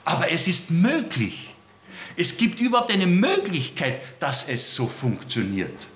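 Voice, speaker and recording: A man preaching a sermon in a lively, dramatic way, acting out dialogue with God. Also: on the high side, a little slow. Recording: echoey room, faint ambience.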